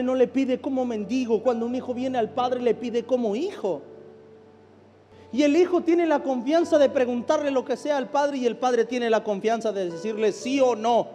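High-pitched preaching pastor in a hall. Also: male voice. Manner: preaching with rising shouted emphasis. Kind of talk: sermon. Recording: long hall reverb with faint music.

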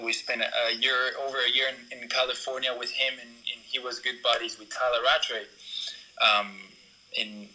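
A man's voice: medium pitch, sharp tone, low-quality recording. A young man from Ecuador, a BMX racer, talking casually in an interview with lots of fillers and restarts. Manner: rambling, many fillers and restarts.

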